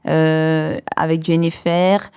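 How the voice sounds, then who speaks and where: A woman answering interview questions about a youth program in measured, formal phrasing. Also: sits low, flat delivery, darkish tone, smooth.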